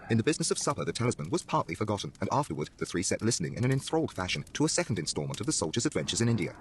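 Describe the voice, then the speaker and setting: A man's voice: fairly low pitch, sing-song, racing, a little hiss or hum. A man narrating a horror story in a dramatic, scripted style.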